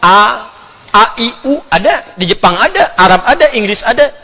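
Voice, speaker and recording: A middle-aged man giving an animated religious lecture, often laughing and sounding out letters. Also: extremely high pitch, normal speed, slightly rough. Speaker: Islamic preacher.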